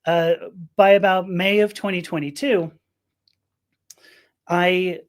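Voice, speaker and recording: A woman's voice: fairly low pitch, steady tone, slow pace. A middle-aged woman from Los Angeles, a podcast guest telling a personal story in a rambling, emotional way with restarts and laughter. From Los Angeles, USA.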